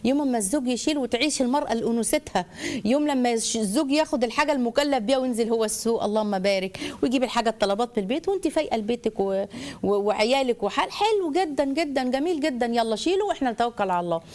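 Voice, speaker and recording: A woman's voice: a little high, expressive, racing, darkish tone. A middle-aged woman with an Egyptian accent hosting a call-in advice show, talking directly and coaching callers, often acting out little scenes. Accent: Egyptian Arabic. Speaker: host giving family advice to callers.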